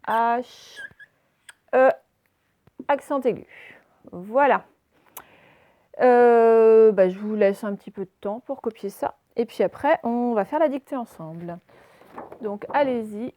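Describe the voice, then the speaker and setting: Slow, patient woman teacher. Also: fairly high pitch, narrow, tinny audio. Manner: slow, patient, spells out letters step by step. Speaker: primary school teacher. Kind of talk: remote class lesson, dictating and writing.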